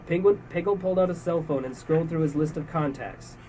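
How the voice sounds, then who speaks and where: A man's voice: on the high side, fast, mellow. A young man co-hosting a casual podcast, reading his own comic story aloud and giggling through it. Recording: distant mic, faint background hiss.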